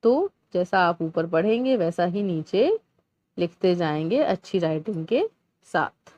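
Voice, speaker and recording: A woman teacher slowly walking young children through a Hindi workbook lesson, sounding out syllables clearly one by one. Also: on the low side, expressive, a little mellow, no echo, highs cut off. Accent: Indian Hindi.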